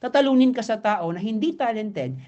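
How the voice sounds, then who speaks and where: A man mentoring a live seminar audience, laughing often and quizzing listeners with quick questions while mixing Tagalog and English. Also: high-pitched, lively intonation, darkish tone, muffled recording. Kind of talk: live motivational seminar talk.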